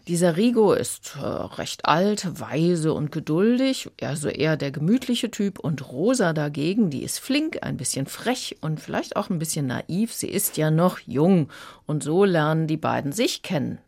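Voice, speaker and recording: A woman's voice: low-pitched, big pitch swings, moderate pace, darkish tone. A woman critic on radio, explaining a children's audiobook in a friendly way. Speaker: book critic. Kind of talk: radio book review.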